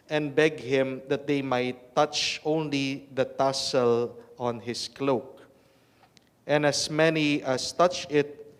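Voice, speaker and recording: A man, a priest solemnly proclaiming the Gospel at Mass, his voice ringing with cathedral echo. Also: mid-range voice. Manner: slow, solemn liturgical chanting-like reading. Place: large church. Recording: long church reverb.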